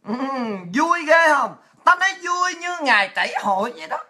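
A woman's voice: high voice, expressive, moderate pace, bright, forceful tone. A woman, delivering a sarcastic, crude political rant as the host of her own commentary show. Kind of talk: ranting monologue.

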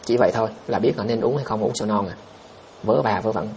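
Fast-talking blunt man. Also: lowish voice, a little mellow, slight background noise. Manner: blunt, scoffing, reads out viewer comments and answers them directly. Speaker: livestream host answering viewer questions. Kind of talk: casual livestream chat.

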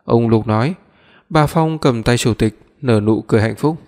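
A man's voice: mid-range voice, normal speed, darkish tone. Man narrating an audiobook with reverb. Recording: long reverb.

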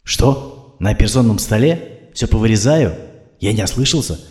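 A man doing an anxious hushed young man. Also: fairly low pitch, lively intonation, normal speed, lightly acted. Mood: urgent. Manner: hushed, urgent. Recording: roomy echo.

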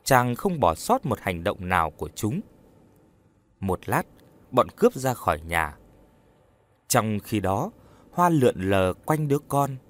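A man narrating a scripted horror story in a measured, dramatic way. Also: mid-range voice.

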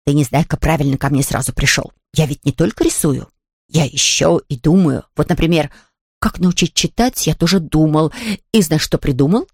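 A narrator voicing a smug, self-important artist in a storybook reading, slow and drawling. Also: mid-range voice, a little mellow, husky, no room sound, studio quality. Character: self-satisfied grown artist, slow and pompous.

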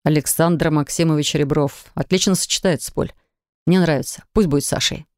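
A woman reading an audiobook, voicing a devoted man who speaks softly and affectionately to the mother of his newborn. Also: low-pitched, fairly even intonation, fairly quick, dry recording, studio quality, natural voice. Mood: tender. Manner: soft, soothing, affectionate. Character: tender man in his thirties, devoted new father.

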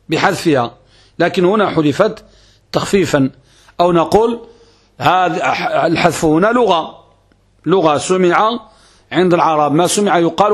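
Husky-voiced Moroccan sheikh lecturing. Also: male voice, fairly high pitch. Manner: slow deliberate recitation of verses and readings. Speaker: sheikh teaching Arabic grammar. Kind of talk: classroom lecture on grammar.

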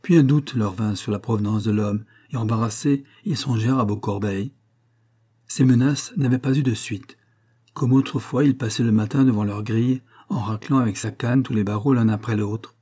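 A man's voice: normal speed, dark tone, husky. A man reading a classic novel aloud, lifting his voice for the quoted dialogue. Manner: acts out dialogue with raised pitch. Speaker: audiobook reader. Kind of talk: literary audiobook narration.

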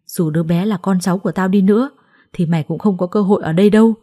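A woman's voice: medium pitch, fast talker, mellow, no echo, clean studio sound, lightly acted. A woman voicing a furious, abusive middle-aged mother-in-law who screams insults. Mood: enraged.

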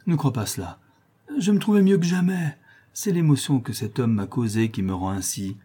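A man's voice: mid-range voice, lively intonation, normal speed, dark tone, slightly rough, voice pushed up. A man voicing a frightened, desperate middle-aged mother who speaks in a pleading, anxious way. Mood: tender.

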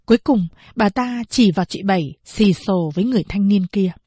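A woman narrating a novel aloud in a measured storytelling manner. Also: medium pitch, dark tone, breathy edge, no room sound. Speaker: audiobook narrator. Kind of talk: scripted narration.

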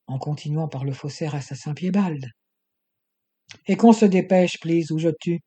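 A man's voice: a little high, normal speed, mellow, breathy edge. A man reading an audiobook and voicing a tall, menacing stranger who gives curt orders at gunpoint. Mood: threatening. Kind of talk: audiobook character voice.

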